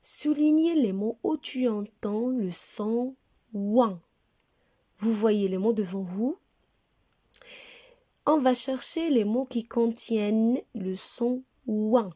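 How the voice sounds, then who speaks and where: A woman teaching a reading lesson to young children, speaking slowly and clearly and spelling words out letter by letter. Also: on the high side, dark tone. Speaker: primary school teacher.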